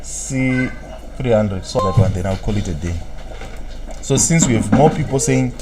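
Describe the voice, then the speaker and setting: Streaming live market analysis, a Zimbabwean trading analyst with a low voice speaks expressively at a moderate pace. A native Shona speaker, he rambles, fills gaps with "what, what," and answers comments from viewers' chat.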